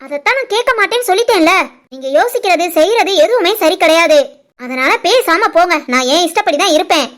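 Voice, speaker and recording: Woman doing defiant young wife, sharp-tongued, argumentative, very high voice, Tirunelveli Tamil accent, cartoon. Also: lively intonation, a little fast.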